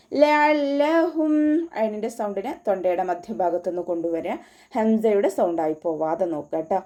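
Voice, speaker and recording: Teaching an online recitation class, this woman speaks in a mid-range voice with a dark tone. She explains every sound patiently and in order, reciting in a slow chant.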